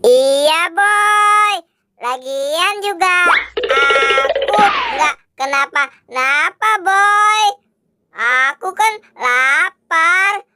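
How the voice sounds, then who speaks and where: A performer doing Upin, a stubborn little cartoon boy with a bright, squeaky, very high voice. He drags out his words slowly and whines at every turn. The voice sits over loud background music. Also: expressive, full character voice. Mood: whiny. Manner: slow, whiny, sulky.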